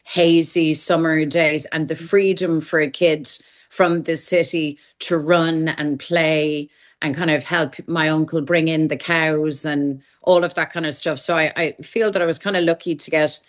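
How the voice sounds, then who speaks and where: A woman's voice: deep voice, fairly even intonation, a little slow. A woman in her fifties with a Dublin Irish accent, telling stories as a guest in an interview, with frequent restarts. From Dublin, Ireland. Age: 50s. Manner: warm storytelling with frequent restarts. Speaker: guest, party leader. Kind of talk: interview conversation.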